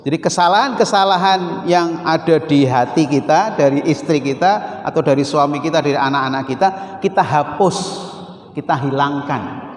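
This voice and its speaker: A man with a Javanese accent preaching a Sunday morning sermon in a mosque, teasing his listeners with questions and repeating key phrases slowly. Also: fairly high pitch. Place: mosque hall. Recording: roomy hall echo with faint noise. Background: congregation laughing from far off.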